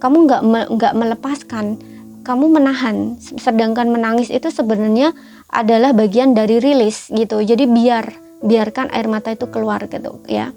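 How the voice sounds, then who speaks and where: Gravelly woman reading tarot. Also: a little high, steady tone, moderate pace, faint music behind. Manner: gentle, repetitive, coaxing with frequent fillers. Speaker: tarot reader. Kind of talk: casual spoken tarot reading.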